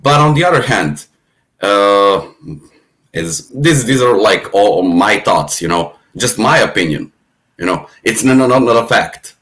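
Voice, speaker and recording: A man from Serbia with a Serbian accent, a podcast guest talking in a thoughtful, halting way and repeating words. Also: on the low side, animated, fairly bright tone. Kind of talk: casual conversation.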